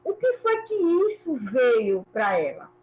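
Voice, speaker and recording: A woman in a church book club, thinking aloud in an animated way about a passage over a video call. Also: high voice, slow pace, rough recording. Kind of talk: casual group discussion. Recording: faint background noise.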